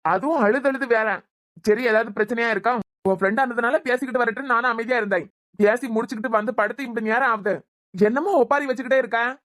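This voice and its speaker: An impatient, scolding husband in a homemade cartoon serial, played by a woman. The delivery is rapid and a bit high, in a Kanyakumari Tamil accent, full of nagging questions. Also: fairly bright tone, natural voice.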